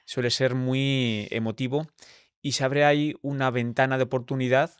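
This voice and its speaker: A man, a psychologist speaking as an interview guest. His voice is smooth and resonant at a middle pitch, and it sounds dry and close. He answers in a calm, measured, reflective way. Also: dry recording.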